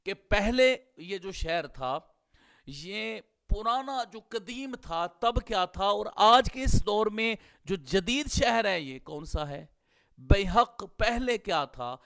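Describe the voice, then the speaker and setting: Man, high-pitched voice, Pakistani Urdu accent, teaching lecture, spells words out slowly. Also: a bit bright. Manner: explains slowly, stretching out words to spell pronunciations. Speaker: Islamic scholar teaching hadith studies. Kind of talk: classroom-style lecture.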